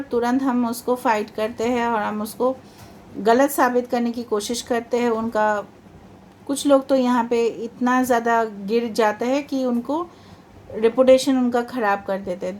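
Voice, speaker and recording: A woman's voice: on the high side, a little slow, darkish tone, a little hiss or hum. Chatty woman reading tarot. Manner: chatty, reassuring, mixes English into Hindi, repeats "theek hai". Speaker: tarot reader.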